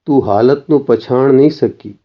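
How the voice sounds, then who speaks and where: A man reading the lines of a gentle, saintly male master in a soft, consoling way, as part of a recorded story reading. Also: mid-range voice, moderate pace, lo-fi sound, natural voice. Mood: tender, consoling.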